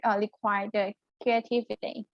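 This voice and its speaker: Slow, hesitant Thai-accented woman. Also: medium pitch, level tone, no room sound, highs cut off. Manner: hesitant, repeating words while searching. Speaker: student. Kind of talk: answering IELTS speaking practice questions.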